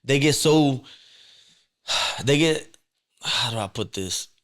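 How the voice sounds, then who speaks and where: A young man talks in a relaxed podcast chat, giving blunt, slangy advice with plenty of energy. His pitch sits in an ordinary middle range for a man. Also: slow. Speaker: podcast host. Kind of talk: casual chat.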